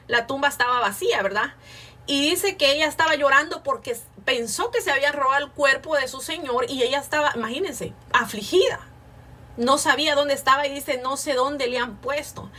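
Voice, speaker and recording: A woman's voice: high-pitched, pushed and bright, recorded from a distance. A woman giving an informal Bible class, reading passages aloud and explaining them earnestly, often checking in with her listeners. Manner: earnest, frequent filler sounds and restarts, rhetorical tag questions.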